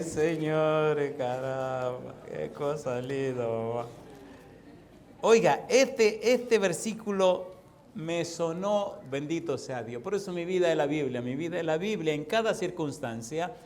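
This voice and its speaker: Dominican pastor preaching, fairly high voice, tells stories and laughs a lot, gets loud then drags words out. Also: male voice. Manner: storytelling preacher, sudden loud outbursts and drawn-out slow phrases; laughs often while speaking. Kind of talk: sermon.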